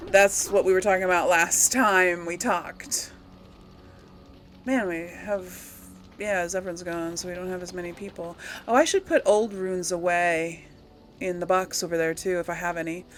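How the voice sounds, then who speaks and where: A gaming host speaks at a moderate pace in a lowish, fairly even voice, with a little hiss or hum in the recording. In her casual let's play she talks to viewers in a rambling, giggly, hesitant manner and adds role-played replies.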